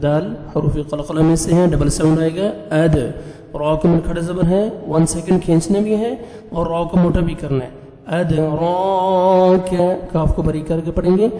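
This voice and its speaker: A man teaching Quran recitation, spelling out letters and vowel marks, then chanting the words slowly and melodically with quick explanations in between. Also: fairly high pitch, fairly even intonation, warm tone, echoey room, in a large hall, poor audio. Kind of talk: spelling out and reciting verses with tajweed rules.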